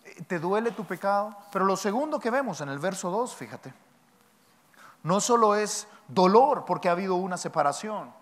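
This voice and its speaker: A pastor delivers a sermon in a high, bright-pitched voice that carries through a large hall with a long reverb. He is animated and playful, teasing his listeners with rhetorical questions between his points. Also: normal speed. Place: church hall.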